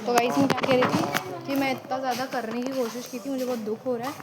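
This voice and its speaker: Laughing often as she chats straight to her viewers, a young woman records a casual phone vlog in a high-pitched, quick voice. Loud background noise runs through the recording.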